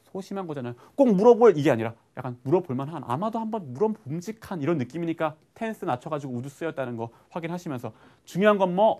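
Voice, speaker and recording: A Korean man teaching an English lesson, asking himself questions and answering them, and reading English phrases slowly before translating them. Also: a little high. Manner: lively explaining, asks and answers his own questions.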